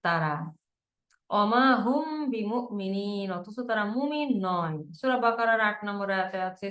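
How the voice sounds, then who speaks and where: A woman teaching an online Quranic Arabic lesson, drilling words by repetition and reciting Arabic slowly. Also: mid-range voice, echoey room.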